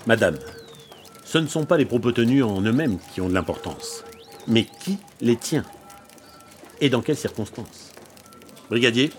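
Man playing a solemn, animated police commander. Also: mid-range voice, faint music behind, close to an everyday voice. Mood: grave. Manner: clipped, solemn, deliberate. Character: grave male police commander briefing a superior. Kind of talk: radio drama acting.

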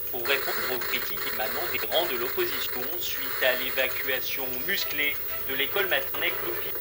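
Man playing a brisk news presenter over loud music. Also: mid-range voice, lightly acted, poor audio. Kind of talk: scripted news reading.

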